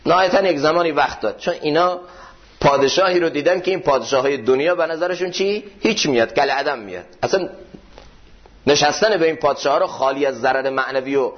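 A male preacher gives a sermon in a mosque, pressing his points with emphatic runs of parallel phrases. His voice sits a little high for a man. The recording sounds dull and muffled. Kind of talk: sermon commentary on classical poetry.

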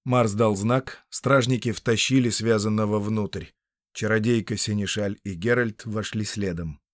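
A man narrating a fantasy novel as an audiobook, with expressive storytelling. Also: fairly low pitch, unhurried, dry recording, studio quality.

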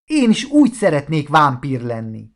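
A man voicing a curious, excitable young boy in a storybook, asking eager questions. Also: fairly high pitch. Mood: thrilled. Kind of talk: storybook character voice.

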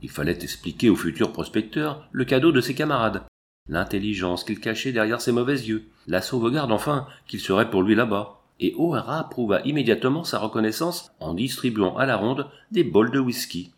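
A man narrating a novel in a measured storytelling manner. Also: on the low side, lively intonation. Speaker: audiobook reader. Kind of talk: scripted narration.

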